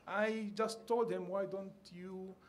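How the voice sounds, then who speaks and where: Man from Bethlehem, conference panelist, slightly raised pitch, earnest story with light humor, faint room noise. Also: fairly even intonation, takes it slowly.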